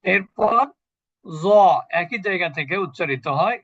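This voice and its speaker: A man teaching a lesson on pronouncing Arabic letters, repeating syllables slowly in drills. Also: high voice, fairly bright tone, no echo, highs cut off.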